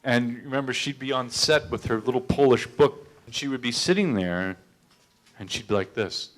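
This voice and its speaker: A man's voice: mid-range voice, moderate pace, a bit bright. A male director chatting through stories in front of an audience, voice in an ordinary middle range. He often trips over his words and restarts them. His humor turns against himself. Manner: anecdotal, self-deprecating, restarts with stammered repeats. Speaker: film director. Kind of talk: storytelling talk at a public Q&A.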